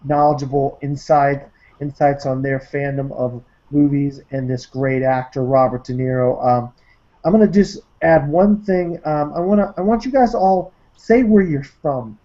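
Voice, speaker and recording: Over dull online-call audio, a movie podcast host from Massachusetts closes out a casual panel show. His voice is a little high and dark-toned at a moderate pace, and he's enthusiastic but heavy on fillers like um and uh.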